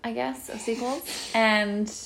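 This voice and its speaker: A woman's voice: on the high side, fairly even intonation, takes it slowly, creaky, a bit bright, slight background noise. A woman co-hosting a podcast, chatting wryly about films and laughing often. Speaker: podcast co-host. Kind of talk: casual film chat.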